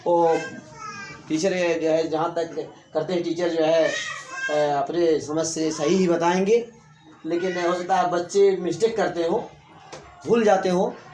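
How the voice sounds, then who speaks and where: A man from India with an Uttar Pradesh Hindi accent, teaching English grammar slowly in a classroom lesson and repeating and spelling out words. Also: sits high, a little mellow. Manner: slow, repetitive spelling out of words. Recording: echoey room, faint ambient noise.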